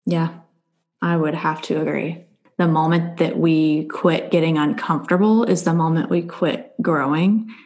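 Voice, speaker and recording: Earnest woman podcast host, low voice. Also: steady tone, measured pace, darkish tone. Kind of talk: faith-based podcast interview.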